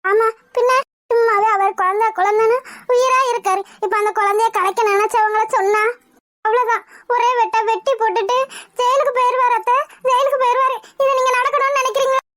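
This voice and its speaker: Brief: a fretful young wife, very high voice, dry close recording. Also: steady tone, fairly quick, fairly bright tone, no echo. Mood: pleading. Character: worried young pregnant wife. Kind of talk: cartoon voice acting.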